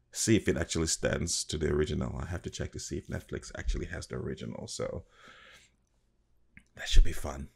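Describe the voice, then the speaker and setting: A man in his thirties with a very low, husky voice. His pitch moves around a lot as he muses casually over a trailer, halting as he goes. It sounds like a home reaction video. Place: small room at home, indoors.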